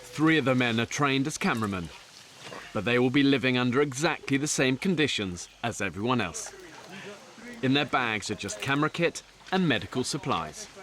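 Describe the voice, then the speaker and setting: A man delivering scripted documentary narration in a measured, explanatory way. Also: mid-range voice, lively intonation, a bit bright. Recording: voice-over with music behind.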